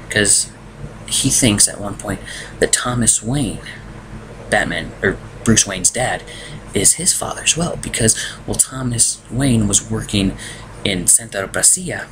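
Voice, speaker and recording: A young man casually reviewing a film from a room at home, exasperated and ranting. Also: fairly low pitch. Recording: noticeable background noise.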